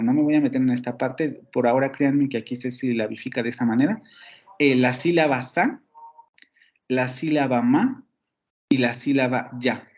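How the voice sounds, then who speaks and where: A man's voice: mid-range voice, darkish tone. A Mexican man teaching a university phonetics class, explaining patiently, repeating words and correcting himself as he goes. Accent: Mexican Spanish. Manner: patient, repeats and self-corrects, fillers like "ujú". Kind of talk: online lecture explaining on slides. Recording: slightly muffled lo-fi recording.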